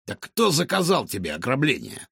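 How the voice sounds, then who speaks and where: This is a man voicing a stern animal detective in a storybook, commanding and bossy. The voice is gravelly and husky, with lively pitch. It is recorded dry and close. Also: normal speed, no echo, full character voice. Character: bossy male animal detective, a gang leader. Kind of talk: audiobook character voice.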